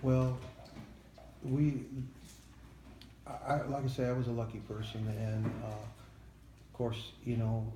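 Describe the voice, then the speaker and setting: An older American man, a veteran in an interview, remembering his army days in a halting, plain-spoken way. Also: medium pitch, monotone, warm tone. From United States. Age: 70s or older. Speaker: Vietnam-era army veteran being interviewed. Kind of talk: veteran interview, recalling memories. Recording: echoey room, faint background noise.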